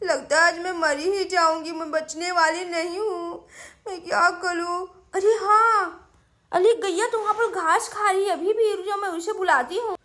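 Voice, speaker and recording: A woman's voice: very high voice, steady tone, normal speed, bright, forceful tone. A woman voicing a small frightened girl stuck in a tree, whining and pleading tearfully.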